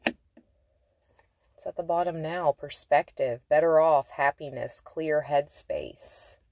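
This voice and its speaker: A woman's voice: sits low, slow, a little mellow. A woman giving a casual tarot reading from inside a car, chatty and laughing, stretching out words for emphasis. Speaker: tarot reader.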